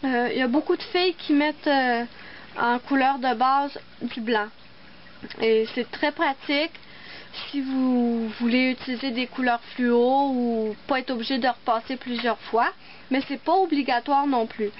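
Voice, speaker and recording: A high-pitched woman talks through a casual nail art tutorial, explaining each step while she works. The recording is slightly dull and lo-fi. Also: measured pace, slight background noise. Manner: chatty, explains while working.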